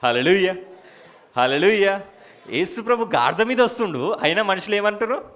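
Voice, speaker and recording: A man preaching a church sermon in a Telangana Telugu accent, with shouted hallelujahs and rhetorical questions. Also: high-pitched, expressive, normal speed. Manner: soft murmured prayer at the start. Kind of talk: church sermon with opening prayer.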